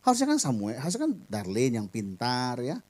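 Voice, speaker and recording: A middle-aged man preaching a sermon as pastor, telling family stories with humor and lively acted-out dialogue. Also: medium pitch, a little fast. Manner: animated storytelling with humor.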